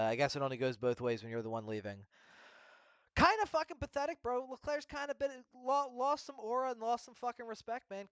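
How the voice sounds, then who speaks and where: Heated and cursing nonstop, a young F1 recap host rants through casual racing commentary. His voice is high-pitched, clear, and resonant, with no echo in the recording.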